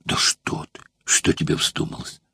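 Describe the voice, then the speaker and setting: A man reading an audiobook voices an old, dissolute male actor, speaking in a guarded, confiding manner with a husky low voice. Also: big pitch swings, unhurried, darkish tone, no room sound, full character voice. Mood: evasive. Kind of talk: audiobook character voicing.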